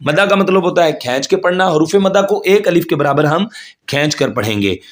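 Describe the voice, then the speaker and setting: Patient male Quran teacher, slow chanted examples. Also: on the high side, lively intonation. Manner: patient, repeats each point and checks in with "theek hai"; chants Arabic words slowly and stretched out. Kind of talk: tajweed lesson.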